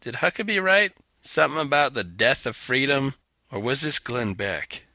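A man's voice: mid-range voice, animated, moderate pace, pushed and bright, no echo. A man co-hosting a casual political chat, sarcastic and profane. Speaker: podcast co-host.

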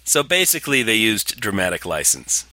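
Male co-host, mocking and casual, forceful bright voice with lively swings, for profane movie banter. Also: fairly low pitch, normal speed, no room sound. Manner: sarcastic, mocking. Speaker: co-host of a comedic movie discussion show.

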